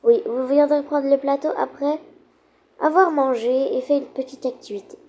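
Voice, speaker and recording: A woman voicing a kindly female orphanage director who gives slow, gently bossy instructions in a children's role-play game. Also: high-pitched, fairly even intonation, close to an everyday voice. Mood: welcoming.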